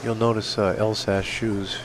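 A man's voice: lowish voice, unhurried. A man, a bowling center owner, chatting as a guest on a live bowling broadcast, matter-of-fact. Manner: relaxed, matter-of-fact explaining. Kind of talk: casual chat on broadcast. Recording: live broadcast with noise behind. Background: bowling alley noise.

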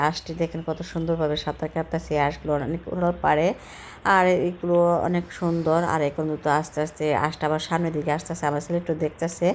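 A woman's voice: low voice, a little mellow, slight background noise. A woman in her thirties from Bangladesh chatting casually through a walking vlog outdoors, rambling with many fillers and restarts, her throat still recovering from soreness. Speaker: vlogger. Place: outdoors on a city street.

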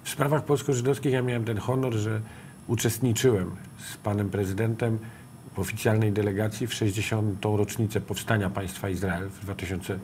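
A man's voice: on the low side, fairly even intonation, fairly quick, a little hiss or hum. A middle-aged man, a politician guest in a TV studio, speaking emphatically in a political interview. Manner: emphatic, rising to forceful conviction.

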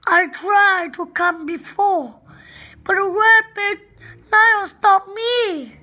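A woman voicing a clever little rabbit in a children's storybook, calm and sly. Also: very high-pitched, very slow, exaggerated voice. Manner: reassuring, sly.

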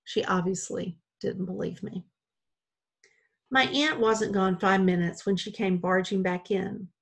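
A woman reading a children's novel aloud in a plain, steady storytelling way. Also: mid-range voice, measured pace, gravelly. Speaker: audiobook reader.

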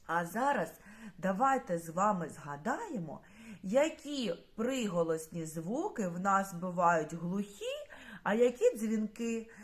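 A woman's voice: medium pitch, big pitch swings, a little slow. A woman teaching a primary school lesson, speaking patiently and addressing the children directly.

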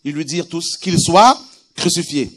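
A man preaching a sermon with animated delivery, moving from quiet scripture reading to shouted exclamations. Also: a little high, normal speed. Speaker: pastor.

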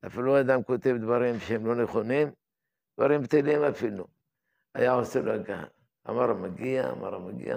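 Gravelly older rabbi telling stories. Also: male voice, medium pitch. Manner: unhurried, reminiscing, with restarts. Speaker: yeshiva head giving a daily lesson. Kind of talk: daily religious lesson, telling anecdotes.

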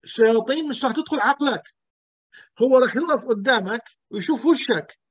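A man's voice: very high voice, lively intonation, a little fast, husky, dry recording. A male pastor, teaching an emphatic sermon full of rhetorical questions and repetition.

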